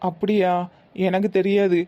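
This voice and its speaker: A woman voicing an elderly, mildly stern father-in-law with a Tirunelveli Tamil accent in a cartoon, speaking slowly and in a measured way. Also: mid-range voice, little pitch movement, highs cut off, close to an everyday voice. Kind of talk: cartoon voice acting.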